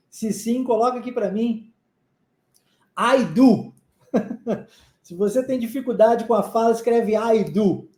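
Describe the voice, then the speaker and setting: In an echoey room, a teacher whose first language is Portuguese leads a live online English lesson, voice medium-pitched, mellow and dark. Phrases get drilled slowly and said again, with frequent brief check-ins to the students.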